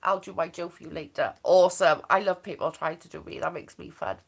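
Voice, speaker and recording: This livestream host, a woman from Wales whose accent is from near the English border, reads viewer comments while chatting in a gossipy, bubbly way. Her lowish voice moves fairly quickly, with vocal fry and a breathy edge.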